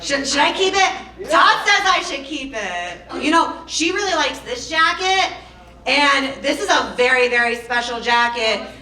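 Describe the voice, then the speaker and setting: Bright, high-voiced woman, burlesque host. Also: sing-song, a little slow. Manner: teasing, chatty burlesque host, addressing the crowd. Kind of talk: live burlesque hosting, playful stage banter. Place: live show stage in an echoey room. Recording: echoey live venue, distant microphone.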